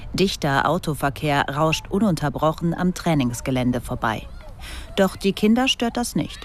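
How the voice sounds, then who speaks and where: A woman reading the scripted narration of a radio feature in a calm, measured way. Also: sits low, a little hiss or hum. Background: music underneath.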